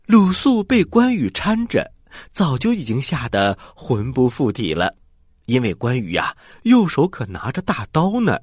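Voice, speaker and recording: Highly animated male children's storyteller. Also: unhurried, husky, dry recording, clean studio sound. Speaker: children's storyteller and show host. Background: faint music.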